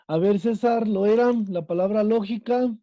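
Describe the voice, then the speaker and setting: In an online class lesson, a man with a Mexican accent teaches Spanish, quizzing his students and checking in with them again and again. His voice sits high at a normal speed, and the audio is dull with no room sound.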